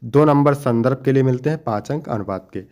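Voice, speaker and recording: A man's voice: medium pitch, a little fast, warm tone. Man teaching an exam walkthrough. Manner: explains each question and answer step by step, addressing students fondly. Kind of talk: exam paper walkthrough lesson.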